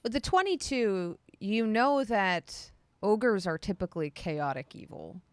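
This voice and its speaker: A woman running a tabletop roleplaying game as game master, animated and quick to laugh. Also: mid-range voice, clean tone.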